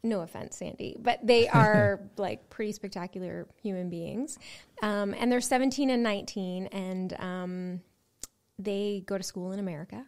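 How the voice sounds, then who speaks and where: Woman from Nova Scotia, casual interview guest, chatty, quick to laugh. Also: mid-range voice, steady tone. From Nova Scotia, Canada. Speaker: guest, TV co-host.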